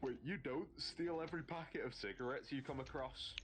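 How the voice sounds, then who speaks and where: A man's voice: medium pitch, brisk, a little hiss or hum. A man chatting casually with a streamer, teasing and joking and swearing freely. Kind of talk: casual live-stream chat.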